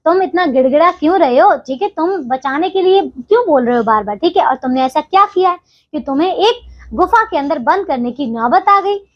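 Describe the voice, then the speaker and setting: A woman's voice: sits high, lively intonation, a little fast, dull audio. A woman voicing an old male wizard in a children's storybook lesson, asking probing questions. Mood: questioning.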